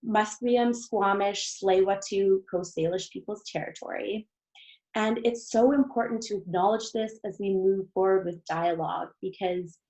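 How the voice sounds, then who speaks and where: Young woman, host, earnest and enthusiastic, gravelly fry, formal intro. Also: mid-range voice, a little mellow, poor audio. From Canada. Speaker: host introducing a guest speaker.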